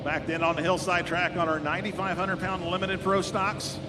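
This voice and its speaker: A man working as a tractor pull announcer, calling competitors, hometowns and distances live with drawn-out, punchy delivery. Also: sits high, flat delivery. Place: outdoor motorsport track. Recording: loud engine and vehicle noise outdoors.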